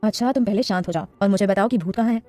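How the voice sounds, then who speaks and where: A woman's voice: mid-range voice, rapid-fire, warm tone, soft background music, close to an everyday voice. A woman voicing a stern, irritable young husband who speaks curtly and grumbles. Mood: irritated. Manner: curt, grumbling.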